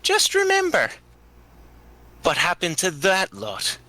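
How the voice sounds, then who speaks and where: A man's voice: sits high, wildly swooping pitch, takes it slowly, bright, forceful tone, pitched above the performer's own voice, full character voice, rough recording. A man voicing a tough, coarse woman adventurer, blunt and swaggering. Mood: scornful.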